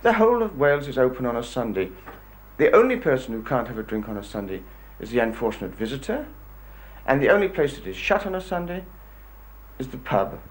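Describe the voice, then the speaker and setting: A man's voice: medium pitch, very animated, brisk, background noise. A man making a persuasive case as a campaigner, in emphatic phrases with repeated patterns. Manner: emphatic, repetitive list-like phrasing. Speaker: campaign leader. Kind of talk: persuasive interview statement.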